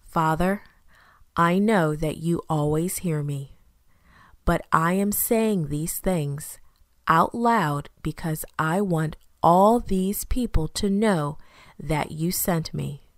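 A woman voicing a calm, kind male teacher, speaking softly and steadily in a slightly lowered voice. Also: slow pace, no room sound, studio quality. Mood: gentle. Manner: soft, lowered, steady delivery.

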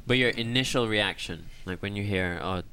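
A man hosting a discussion show, telling a story in a calm, measured way and then talking with his guests. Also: fairly low pitch, clean tone. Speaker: host. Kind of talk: scripted narration and discussion hosting.

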